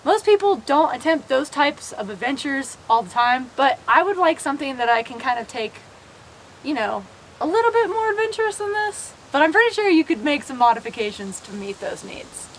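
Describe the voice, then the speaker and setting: A woman's voice: high voice, big pitch swings, moderate pace, low-quality recording. A woman vlogger giving a casual walkthrough tour, speaking to camera from inside a small camper van.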